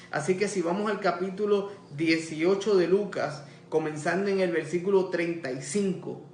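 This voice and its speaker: A man with a Puerto Rican Spanish accent preaching a sermon in a church, impassioned and rising to loud cries. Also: high voice, slight background noise. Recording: echoey church room with faint ambience.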